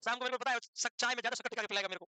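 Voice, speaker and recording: A man with a high, bright, smooth voice and fairly even intonation lectures a live nursing class at speed. He teases the students and keeps throwing quick questions at them, captured in close, dry sound with little echo.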